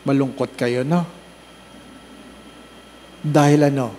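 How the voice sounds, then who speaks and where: A man, a priest giving a recollection sermon, who tells humorous stories, asks the congregation rhetorical questions and slowly lists the works of mercy. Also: mid-range voice, steady tone, dark tone, long reverb tail, a little hiss or hum. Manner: slow emphatic listing of works of mercy.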